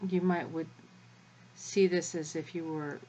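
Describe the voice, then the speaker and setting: A woman leading a guided spiritual energy activation as the guide, speaking in a measured way with long pauses between short phrases. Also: low voice, little pitch movement, dark tone, poor audio.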